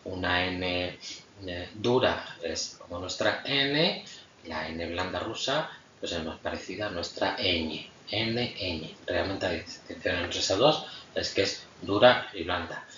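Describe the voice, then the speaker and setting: A man giving a patient phonetics lecture as a language teacher, often pausing with fillers, a native Spanish speaker. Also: low voice, lively intonation, sharp tone, a little hiss or hum. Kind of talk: explanatory lecture. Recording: roomy, distant, muffled mic.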